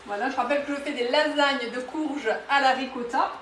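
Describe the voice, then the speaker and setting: A brisk, high, a bit bright woman's voice with fairly even intonation and slight background noise belongs to a cook from near Toulouse with a southwestern French accent. Chatty and enthusiastic, she runs a live cooking demo in her home kitchen, restarting often and using many fillers. The audio is roomy and a bit distant from the mic.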